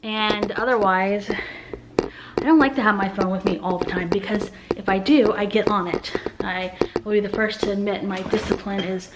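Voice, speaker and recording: An American woman in her thirties, a mother vlogging, chats to the camera in a casual, rambling, informal way. Her voice is medium in pitch and steady, at a moderate pace. The home-video sound is noisy, with clicks.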